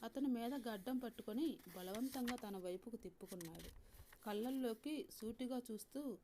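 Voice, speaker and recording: A woman with a Telugu accent reading a story aloud in a calm, measured way, softly voicing the characters. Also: fairly high pitch, slight background noise. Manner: calm, measured reading with soft voiced dialogue. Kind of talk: scripted story narration.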